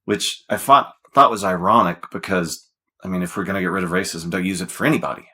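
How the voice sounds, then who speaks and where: A male podcast host with a low, raspy voice. He chats casually but presses his points with emphasis, often tagging them with a quick check for agreement. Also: pushed and bright.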